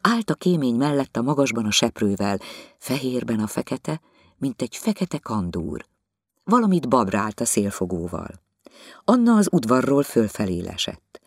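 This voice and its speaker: Expressive male audiobook narrator. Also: mid-range voice, no echo, clean studio sound. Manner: expressive, measured storytelling. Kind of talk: literary audiobook reading.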